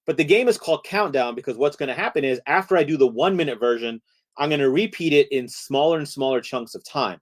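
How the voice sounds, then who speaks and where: A middle-aged man performing a solo virtual improv comedy show, explaining a game and then playing it with playful, rising energy. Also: mid-range voice.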